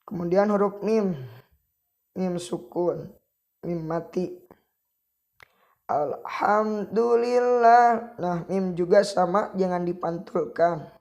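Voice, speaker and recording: A man from Indonesia teaches Quran recitation at an unhurried crawl, sounding out each syllable again and again. He sets wrong sounds against right ones and chants the verses in long, stretched tones. The recording is dull and lo-fi. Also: high-pitched, steady tone, darkish tone. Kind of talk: tajwid recitation lesson.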